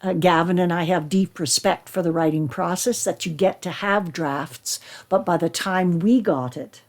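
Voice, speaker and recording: A woman actor talking reflectively in an interview, with earnest, deliberate and emphatic phrasing. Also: on the low side. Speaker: stage actor.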